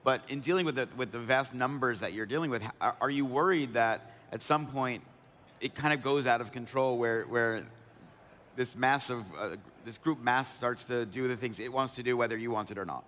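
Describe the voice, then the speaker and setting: Man, panel moderator, conversational onstage questioning, medium pitch, long hall reverb. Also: moderate pace, a bit bright, slight background noise. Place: large conference hall.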